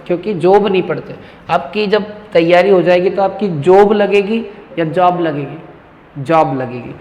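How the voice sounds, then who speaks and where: A man's voice: a little high, darkish tone. Guy teaching grammar, keeps quizzing the class on the same words, roomy echo, faint hum behind. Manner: repeats key words as questions to students. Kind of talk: classroom lecture.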